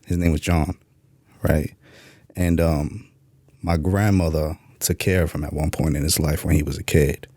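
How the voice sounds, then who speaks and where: A man's voice: rumbling low, steady tone, moderate pace, darkish tone, dry recording, studio quality. A man from New York, a podcast guest telling his life story in a blunt, streetwise way, swearing freely. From New York, USA. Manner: acts out past dialogue in a raised voice. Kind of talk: candid interview storytelling.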